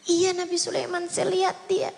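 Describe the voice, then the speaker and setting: A woman's voice: very high-pitched, completely flat delivery, moderate pace, creaky, darkish tone. A woman preacher voicing a frightened young man who begs for help in a retold story. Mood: pleading. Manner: pleading, anxious. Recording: long hall reverb.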